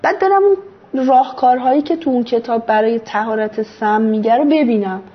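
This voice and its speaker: A woman's voice: a little high, lo-fi sound. A woman leading an online religious study session, explaining things thoughtfully and correcting herself as she goes. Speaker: religious study group leader.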